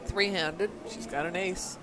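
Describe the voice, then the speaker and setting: A man calls live poker from a commentary booth, his voice pitched a little high. He reasons through each hand analytically, filling pauses with "you know". A crowd murmurs in the background. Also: fairly even intonation.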